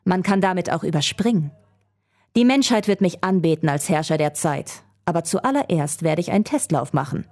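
A woman's voice: fairly low pitch, animated, normal speed, a little mellow. A woman voicing a scheming male researcher villain who craves world power, speaking in a gloating, theatrical way.

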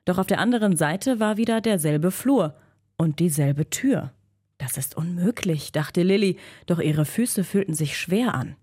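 A woman narrating a children's story in a steady, suspenseful reading. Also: fairly low pitch, a little slow, no echo.

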